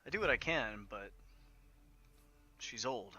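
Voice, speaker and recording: A man's voice: medium pitch, lively intonation, slow, pushed and bright, slightly rough, highs cut off, exaggerated voice. A man doing a weary tavern keeper woman. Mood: wistful. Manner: pleasant, resigned, hesitant.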